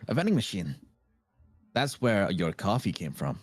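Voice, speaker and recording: A man voicing calm young male demon suitors from a romance game, with a formal, courtly delivery and a faint put-on accent. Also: lowish voice, normal speed. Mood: suave. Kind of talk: live reading of game dialogue.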